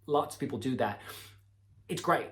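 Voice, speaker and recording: A woman's voice: rumbling low, lively intonation, normal speed, fairly bright tone. A woman hosting a music reaction video, giving enthusiastic commentary in an effusive, exclamatory way with dramatic phrasing. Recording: music playing behind the voice.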